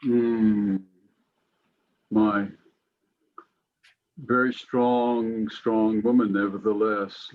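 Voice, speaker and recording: Man interviewing gently, dull audio. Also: fairly low pitch, little pitch movement, very slow, long pauses. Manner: gentle, probing questioner. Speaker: moderator. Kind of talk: interview questions.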